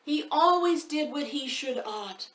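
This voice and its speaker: A storytime host and children's author reads a picture book aloud by a fireplace indoors, chatting expressively and without hurry straight to the young audience. She has a high, slightly bright voice with lively intonation and a measured pace. The recording sounds roomy, from a mic set at a distance, with faint noise behind her.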